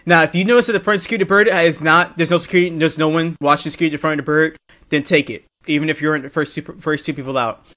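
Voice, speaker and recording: A man's voice: a little high, fairly even intonation, rapid-fire, a bit bright. A man instructing trainees in a military roleplay game, directing and correcting them as he briefs. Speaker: military-sim drill instructor.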